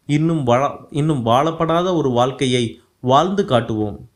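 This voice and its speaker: A man's voice: medium pitch, close to an everyday voice. A man voicing a sensitive, poetic young man who speaks in a lofty, declamatory way, read in an audiobook. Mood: rallying.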